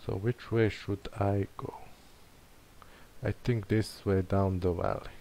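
While streaming a map-guessing game, a man mutters hesitantly and keeps questioning himself out loud. His lowish voice is gravelly yet mellow, slow and steady in tone, with a little hiss or hum in the background.

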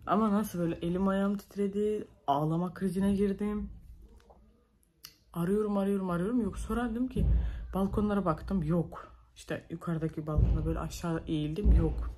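A woman's voice: mid-range voice, steady tone, fairly quick, warm tone. A young woman with a Turkish accent, telling viewers a story in a casual vlog, emotional and breathless as she recounts events. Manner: emotional, breathless retelling with repeated calls. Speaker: vlogger.

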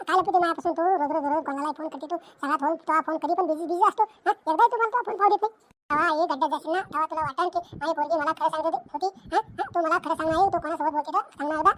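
A woman's voice: extremely high pitch, fairly bright tone, a little hiss or hum. A woman voicing a suspicious, nagging teenage village daughter in a cartoon comedy, pressing questions over and over.

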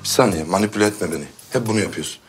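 A man's voice: on the low side, rapid-fire, faint music behind, close to an everyday voice. Man playing a jealous, joking husband. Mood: teasing. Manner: teasing, jealous banter. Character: jealous, joking husband, playful and rapid-talking. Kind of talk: TV comedy-drama acting.

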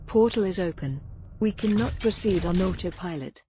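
A woman voicing a calm female ship AI, an uploaded mind guiding a pilot in measured, instructive game dialogue. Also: on the low side, slight background noise, natural voice. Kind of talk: scripted game tutorial dialogue.

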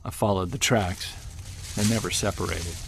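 An actor voices a male Bigfoot hunter fixated on his quarry, alone on an expedition through the woods at night and during the day. He speaks low and excitedly into a field recorder at normal speed with vocal fry, over faint outdoor background noise.

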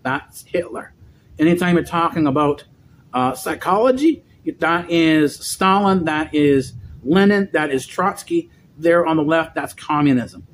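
Middle-aged male vlogger, high voice, rambling lecture with restarts, webcam in a dim room. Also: expressive, a little slow, slight background noise. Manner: lecturing, with frequent restarts and repeated words. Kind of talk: rambling monologue.

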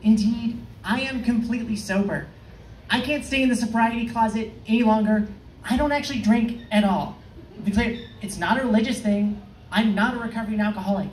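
Deadpan young woman doing stand-up, echoey club. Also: fairly high pitch, fairly quick, a little hiss or hum. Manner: deadpan, dry one-liners with fillers. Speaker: stand-up comedian. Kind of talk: stand-up set. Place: comedy club stage, in front of a live audience. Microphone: far room pickup, no mic held. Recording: echoey club heard from far off.

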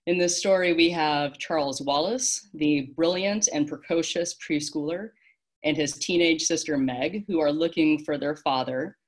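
Low-voiced woman reading aloud. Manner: measured, expressive reading. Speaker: worship leader. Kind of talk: reading a story aloud in a service. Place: home, online service.

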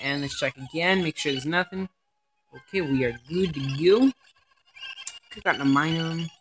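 A man doing let's play commentary on a game, excitable and rambling, swearing often. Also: on the high side. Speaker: gaming commentator.

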